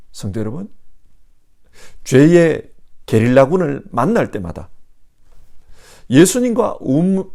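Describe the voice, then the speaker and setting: A man's voice: a little high, vocal fry, mellow. A male pastor preaching a sermon in a church, asking the congregation emphatic rhetorical questions. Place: church sanctuary.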